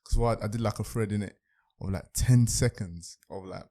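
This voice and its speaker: A man's voice: fairly low pitch, normal speed, dark tone. A man, a podcast guest talking in a casual, laid-back, drawling way. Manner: laid-back, drawling, repeats words while storytelling. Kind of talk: casual chat.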